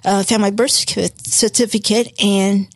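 Animated woman guest, dry close sound. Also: mid-range voice, normal speed, dry recording. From Vietnam. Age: 40s. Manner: animated storytelling, acts out quoted voices. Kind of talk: conversational interview. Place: studio.

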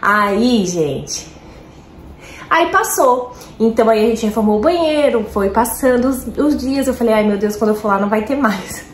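A Brazilian woman vlogging at home, chatting excitedly to her viewers with lots of fillers. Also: on the high side, moderate pace. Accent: Brazilian Portuguese. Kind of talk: casual chat. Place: at home, roomy indoor space. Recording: echoey room, faint background noise.

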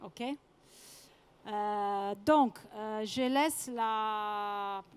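Halting woman presenter with foreign-accented French, unhurried. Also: medium pitch, clear, resonant tone. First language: not French. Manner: halting, non-native French with searching pauses and repeated words. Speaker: conference presenter. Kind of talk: public presentation. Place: trade-show conference stage, indoors. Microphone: handheld microphone.

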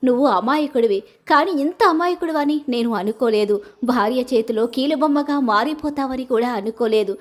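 A stern middle-aged mother-in-law scolds her household, as a woman puts her on, her high voice pressing each point slowly and with indignation. It is a storybook-style recap voice, not a full character performance. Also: close to an everyday voice. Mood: furious. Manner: indignant, scolding, drawn-out emphatic phrasing.

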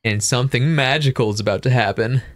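A man with a middle-pitched voice talks through a video game, narrating and joking in a goofy, playful way. He talks casually with his co-host and often exaggerates for fun. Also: fast. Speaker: let's-play host. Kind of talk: casual let's-play banter.

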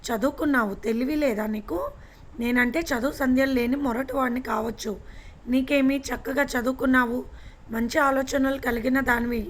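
A woman voicing a rough, uneducated middle-aged man who scolds, in a storybook reading. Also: high-pitched, steady tone, moderate pace. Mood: scolding.

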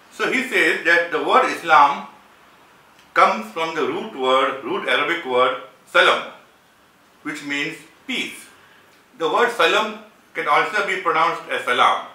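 A man giving scripted analytical commentary in a measured, explanatory way, leaning hard on key words. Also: fairly high pitch, bright, forceful tone, recorded from a distance. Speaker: video essayist reviewing a debate. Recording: roomy sound from away from the mic.

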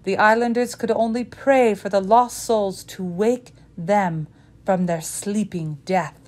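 A woman's voice: mid-range voice, fairly even intonation, takes it slowly, a little mellow. A woman reading a storybook tale aloud in a dramatic, old-fashioned telling.

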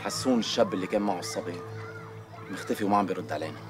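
An actor playing an uneasy young nephew delivering bad news. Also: male voice, sits low, very fast, music in the background, close to an everyday voice. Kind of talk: TV drama acting.

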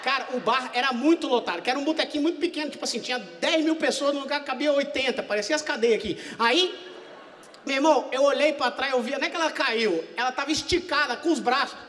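High-voiced male stand-up comedian, live. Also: fast talker, in a large hall. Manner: animated, swears freely, acts out quotes. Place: theater stage, live show.

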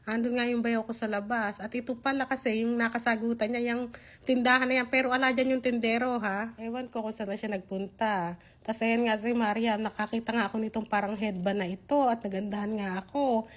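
Chatty Filipina woman vlogging from a car, voice a little higher than usual, laughs easily. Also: little pitch movement, brisk. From Philippines. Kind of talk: casual vlog narration. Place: inside a car.

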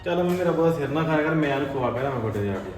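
A man's voice: on the high side, animated, rapid-fire, a little mellow, faint music behind, lightly acted. A man playing a young son who argues back defensively with his mother. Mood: arguing. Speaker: son in a family skit. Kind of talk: comic family skit acting. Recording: echoey room from a distance.

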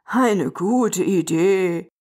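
A woman's voice: medium pitch, extremely slow, darkish tone. A woman voicing a kindly old museum steam locomotive in a children's storybook.

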